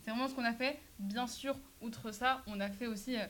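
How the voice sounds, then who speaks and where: Chatty teenage girl, fairly high voice. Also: steady tone, brisk, a bit bright. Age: teens. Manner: chatty, many fillers and restarts. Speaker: high school student interviewed. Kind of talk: casual interview answers.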